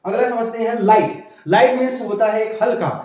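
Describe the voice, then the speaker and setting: Male grammar teacher, high voice, very roomy echo, walks through each point with self-answered questions. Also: normal speed, darkish tone. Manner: explains step by step with rhetorical questions. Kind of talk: classroom-style lesson. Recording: very echoey room.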